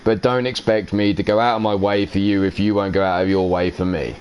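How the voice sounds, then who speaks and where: A man's voice: fairly low pitch, flat delivery, a little fast, darkish tone, a little hiss or hum. A man with a brash, profane manner, answering an in-character interview as a wrestler and chuckling now and then.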